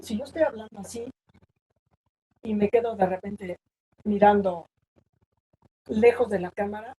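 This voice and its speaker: A woman's voice: a little hiss or hum, rough recording. A woman giving a workshop on online presentations, talking emphatically and raising or dropping her voice to demonstrate her points. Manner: emphatic, shifts pitch and loudness to demonstrate points. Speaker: public speaking trainer.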